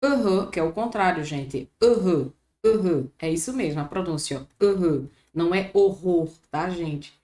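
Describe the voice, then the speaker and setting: A woman with a Brazilian Portuguese accent teaching a vocabulary lesson, slowly repeating each word for her students. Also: fairly low pitch, darkish tone. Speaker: French teacher. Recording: echoey room.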